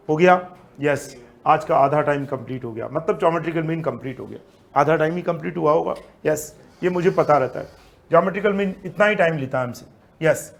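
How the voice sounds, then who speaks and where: A male statistics teacher, lecturing an online class, lively and asking then answering his own questions. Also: fairly high pitch, gravelly. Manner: mixes Hindi with English terms.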